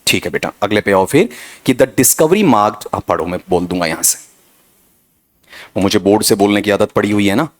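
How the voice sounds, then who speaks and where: A man's voice: fairly low pitch, moderate pace. A man teaching an English grammar lesson, quizzing his students and drilling pronunciation. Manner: drilling, questioning students, calls them beta ji. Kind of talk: exam coaching lesson.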